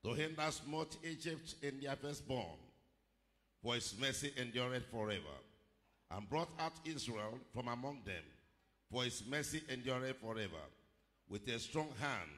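A middle-aged male pastor giving a measured sermon into a handheld microphone at a pulpit, rising to emphatic declarations. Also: mid-range voice, pushed and bright. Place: large church hall, indoors. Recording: long hall reverb.

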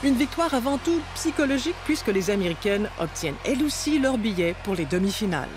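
A woman's voice: fairly high pitch, animated, fast. A woman reading scripted narration for a sports documentary recap. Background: music bed.

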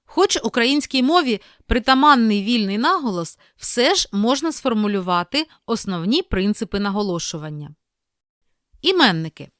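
A woman teacher reading a scripted lesson, clear and deliberate, slowing down to spell out example words. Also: fairly high pitch, sing-song, a bit bright, no room sound, clean studio sound.

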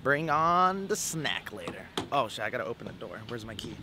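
A young man in his twenties vlogging casually to a handheld camera, relaxed and joking, in his car and a parking lot. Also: mid-range voice, normal speed, background noise. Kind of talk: casual vlog chat. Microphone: handheld camera at arm's length.

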